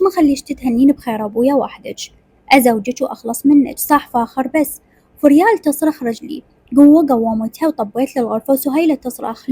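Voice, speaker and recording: A woman's voice: high voice, warm tone, breathy edge, no echo. A woman with an Iraqi accent narrating a rural family drama in the first person, acting out each character. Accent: Iraqi Arabic. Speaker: storyteller.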